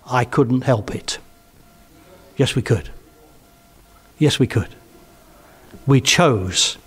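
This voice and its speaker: An older man with an English accent delivers a sermon in a church hall. His voice sits a little high, and he speaks earnestly and with emphasis, often sinking to soft, intimate phrases. He is picked up by a headset mic. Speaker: preacher.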